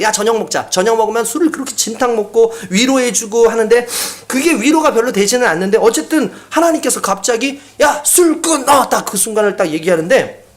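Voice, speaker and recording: Male pastor telling a story in a sermon, voice jumps all over, acts out the people in it. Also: high-pitched. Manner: animated anecdotal storytelling, often acting out quoted speech. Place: church.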